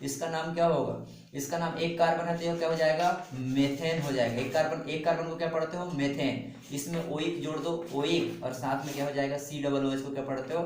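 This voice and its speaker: A man's voice: on the high side, steady tone, a little fast. A man teaching a chemistry lesson, repeating each step and quizzing the class with questions as he goes. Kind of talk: classroom lecture. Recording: echoey room, distant mic.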